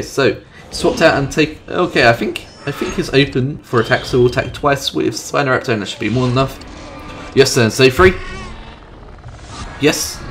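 Excitable man narrating a mobile game. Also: mid-range voice. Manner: chatty, excitable, thinking aloud about moves. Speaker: gamer. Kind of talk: let's play commentary. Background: game music.

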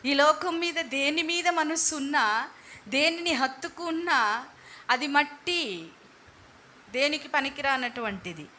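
A woman's voice: high-pitched, lively intonation, slow pace, long pauses, sharp tone, a little hiss or hum. A woman preaching a sermon, exhorting and repeating phrases, asking questions and answering them herself. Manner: repetitive, exhorting, asks and answers own questions.

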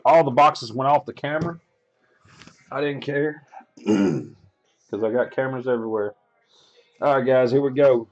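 A man's voice: mid-range voice, unhurried, pauses often, highs cut off. A man hosting a sports card break, reading out team assignments and chatting loosely with viewers, swearing freely. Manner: loose, profane, rambling talk to viewers.

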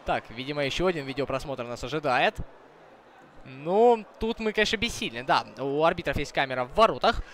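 A man's voice: a little high, animated, fairly quick, fairly bright tone, a little hiss or hum. A man commentating a hockey broadcast live, talking conversationally to viewers and thinking aloud.

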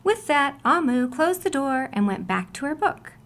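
A woman with a high voice reads a children's story aloud, expressive and deliberate like a storybook reader.

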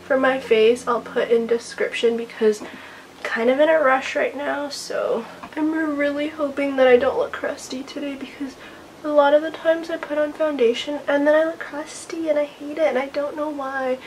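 A woman's voice: high-pitched, fairly even intonation, normal speed, a little hiss or hum, rough recording. A teenage girl chatting casually to a handheld camera, full of "like" fillers and a little self-conscious. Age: teens. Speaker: vlogger. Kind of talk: casual vlog chat. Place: bedroom, then car and outdoors. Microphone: handheld camera at arm's length.

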